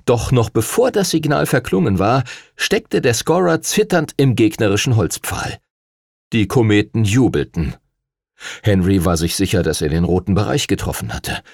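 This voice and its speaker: A man narrating a children's fantasy audiobook in an expressive, dramatic way. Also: lowish voice, moderate pace, vocal fry, no echo, clean studio sound.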